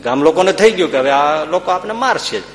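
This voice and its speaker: A man telling a folk tale in a vivid storyteller's manner, his voice rising in loud bursts at the tense moments. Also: fairly high pitch, lively intonation, fast talker. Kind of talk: dramatic folk storytelling discourse. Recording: echoey hall with faint hum.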